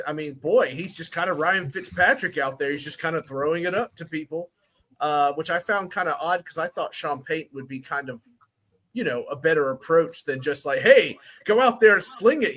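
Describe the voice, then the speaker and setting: A man with a fairly high voice talks football in a loose, joking way. He laughs often and gets loud when excited. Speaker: podcast co-host. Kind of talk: casual sports chat.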